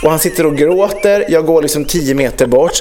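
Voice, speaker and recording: A man's voice: fairly high pitch, a little mellow, a little hiss or hum. A man co-hosting a casual podcast, telling a story with frequent fillers and acted-out dialogue. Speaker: podcast co-host.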